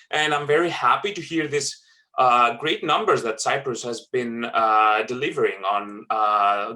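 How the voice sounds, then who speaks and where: Bright-voiced man presenting a webinar. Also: mid-range voice. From Greece. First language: Greek. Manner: earnest, halting with many fillers and restarts. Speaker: webinar trainer.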